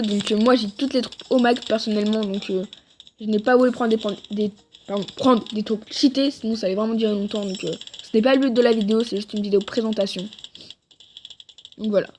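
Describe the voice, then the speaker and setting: A woman's voice: a little high, a little mellow, slight background noise. Chatty woman narrating her gameplay. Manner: chatty, rambling, often correcting herself mid-sentence. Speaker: gaming video creator. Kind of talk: gameplay commentary.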